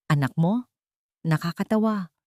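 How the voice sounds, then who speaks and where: A woman voicing a cold, mocking male villain who speaks slowly and with a sneer. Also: deep voice, expressive, darkish tone, no echo, studio quality. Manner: slow, sneering.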